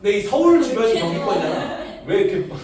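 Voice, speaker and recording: A man's voice: high-pitched, sing-song, fast, heavy background noise. A male teacher giving a classroom lecture, quizzing and teasing his students as he goes. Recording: echoey classroom, mic far off.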